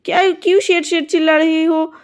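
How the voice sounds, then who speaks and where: A woman's voice: very high-pitched, level tone. A woman doing an alarmed young aunt. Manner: alarmed, hurried. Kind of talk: cartoon voice acting.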